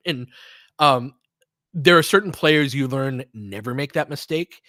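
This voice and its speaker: A basketball play-by-play host and coach chats with listeners during casual live commentary, mildly profane and prone to trailing asides. His mid-range voice is bright and pushed, with lively intonation and an unhurried pace, and there's no echo.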